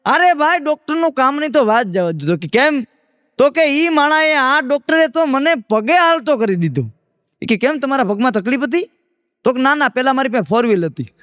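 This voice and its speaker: A man's voice: very high voice, lively intonation, fairly quick, a bit bright, in a large hall. A male comedian telling a joke in a conversational way. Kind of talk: stand-up jokes.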